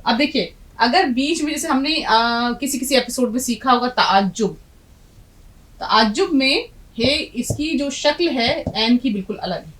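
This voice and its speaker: A woman's voice: high-pitched, a bit bright, rough recording. A middle-aged woman teaching a language lesson, patiently explaining letters and quizzing her students. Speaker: Urdu teacher.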